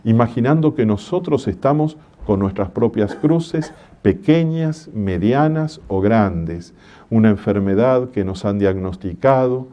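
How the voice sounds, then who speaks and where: A parish priest gives a religious conference talk. His mellow, warm-toned voice moves at a gentle, measured pace through homely stories. The recording sounds dull and lo-fi. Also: fairly low pitch, expressive.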